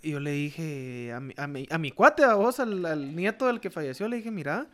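A young man with a Guatemalan accent, chatting casually and telling stories, often tagging his sentences with a quick "va, vos". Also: fairly high pitch, a bit bright. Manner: storytelling, tags sentences with "va, vos". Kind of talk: casual chat.

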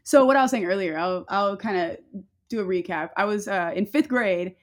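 A woman's voice: medium pitch, moderate pace. A young adult woman telling a personal story in casual chat, rambling with many fillers and breaking off into laughter.

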